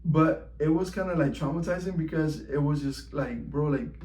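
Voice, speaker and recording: A man's voice: on the high side, normal speed, a little mellow, echoey room, low-quality recording. A man telling a personal story in a loose, slangy way, peppered with "like" and "bro" and plenty of swearing. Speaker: vlogger. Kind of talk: casual storytime monologue.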